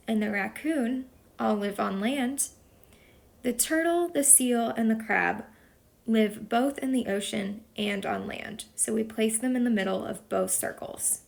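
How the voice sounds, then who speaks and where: Her voice sits on the high side with vocal fry as this woman teacher from Texas voices a whiteboard video. She walks through the lesson patiently, one step at a time, in slow explanatory narration.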